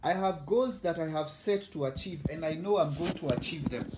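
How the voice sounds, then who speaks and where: A man's voice: fairly high pitch, normal speed, reverberant, background noise. A man in his forties with a Kenyan accent, hosting a casual live cooking vlog in a chatty, boastful way and greeting viewers by name. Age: 40s. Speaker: host.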